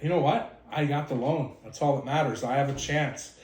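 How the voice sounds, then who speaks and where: A man's voice: medium pitch, moderate pace, heavy background noise. A man from Canada hosting his own show, telling personal stories in a candid, rambling way with many fillers. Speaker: podcast host. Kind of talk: casual storytelling monologue. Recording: echoey room.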